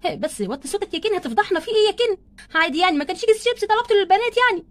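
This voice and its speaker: A woman's voice: extremely high pitch, expressive, racing. A woman with an Egyptian accent voicing a carefree, demanding wife doll in a play. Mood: breezy. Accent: Egyptian Arabic.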